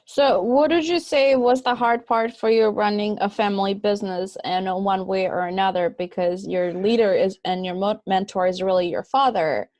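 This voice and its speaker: A woman's voice: mid-range voice, normal speed, few pauses, a little mellow, no echo. A woman from Albania hosting a podcast, asking long questions that she rephrases as she goes. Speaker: podcast host. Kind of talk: interview questions.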